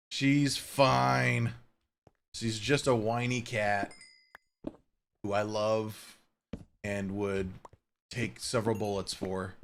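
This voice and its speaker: A man's voice: on the low side, slight background noise. A man giving casual, chatty gameplay commentary at home, swearing offhandedly and cooing at his cat. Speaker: Minecraft streamer.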